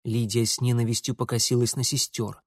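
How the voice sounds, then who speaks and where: A man narrating a fantasy audiobook in a steady, expressive storytelling manner on a close mic. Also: medium pitch, brisk, dry recording.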